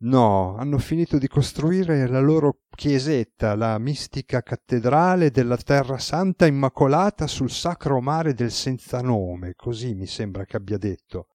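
A man voicing a weary, ironic male god with a relaxed, teasing manner, as read in an audiobook. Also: medium pitch, measured pace, few pauses, no echo, clean studio sound, close to an everyday voice. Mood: wry.

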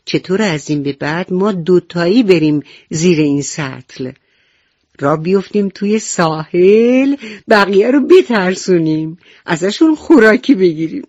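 A woman voicing a sly, scheming male crab in a children's radio story, in a lower, wheedling tone. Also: animated, a little mellow, no echo, muffled recording.

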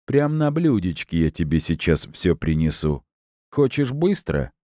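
A man voicing a smug, cynical police colonel who speaks in measured, sarcastic, deliberate words. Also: sits low, sing-song, mellow, dry recording, clean studio sound. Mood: cold, sarcastic.

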